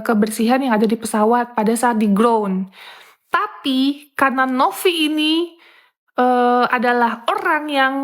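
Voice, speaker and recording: A woman telling viewers a story from her old job, acting out the lines people said. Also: sits high. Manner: animated, acts out quoted dialogue. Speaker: content creator telling a work story.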